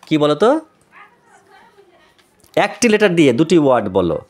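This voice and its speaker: A man's voice: a little high, big pitch swings, normal speed. A male tuition teacher giving a lesson and announcements to his students, explaining step by step, mixing in English terms and often checking that the class follows.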